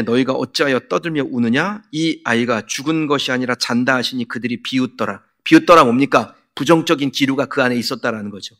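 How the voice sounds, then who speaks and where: In a church sanctuary, a male pastor with a fairly bright voice on the high side preaches a sermon. He asks the congregation questions and acts out quotes.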